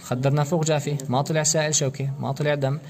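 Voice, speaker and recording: Speaking in a fairly high, level voice at a racing clip, a man delivers a practical anesthesia demonstration, laying out procedure steps and posing rhetorical questions to students. Crowd noise can be heard around him.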